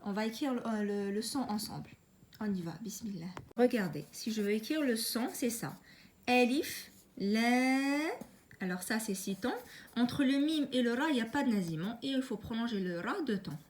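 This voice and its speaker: A woman leads a Quran reading lesson, explaining each sound with patience. Her voice sits a little high, and she chants the letters louder, repeating them slowly for her learners. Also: expressive. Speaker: Quran recitation teacher.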